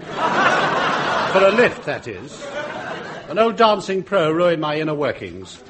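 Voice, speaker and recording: An actor voicing a grumbling, broken-down talking lift in a radio comedy, with a resentful, put-upon manner. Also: male voice, fairly high pitch, huge pitch swings, takes it slowly, a crowd in the background, exaggerated voice. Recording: hissy broadcast recording with studio audience.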